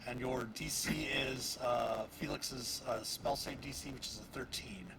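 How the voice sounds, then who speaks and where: A man with a gravelly, creaky voice narrates as dungeon master of a tabletop game. He talks in halting runs full of fillers, and steady noise sits under the stream audio. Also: mid-range voice.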